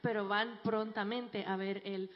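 A woman gives a church testimony, telling her life story with a joking, warm manner. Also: medium pitch, steady tone, a little slow, background noise. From Puerto Rico. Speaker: guest speaker giving a testimony. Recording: dull, echoey large hall.

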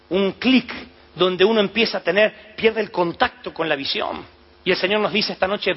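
Preacher guy, high voice, acts out the story loud, muffled lo-fi recording. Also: breathy edge. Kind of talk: sermon.

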